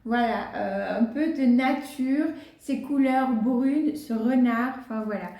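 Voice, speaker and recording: A fairly high-voiced woman talks through her latest book haul in a loose, chatty way, filling her pauses with hesitant sounds. The room gives her voice a noticeable echo. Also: warm tone. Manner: chatty, many hesitant fillers, light laughs. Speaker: book vlogger. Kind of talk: casual book haul chat. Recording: roomy echo.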